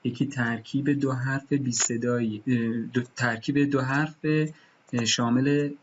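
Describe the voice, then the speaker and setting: A man's voice: medium pitch, little pitch movement, slight background noise. Patient male language teacher, dull recording. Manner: patient, repeats example words slowly. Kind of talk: pronunciation lesson.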